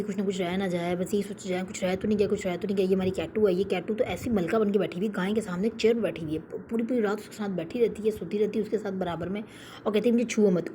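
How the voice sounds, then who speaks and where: Young woman vlogger, chatty storyteller, warm low voice, faint background hiss. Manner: chatty, storytelling with many fillers. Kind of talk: casual vlog voice-over narration.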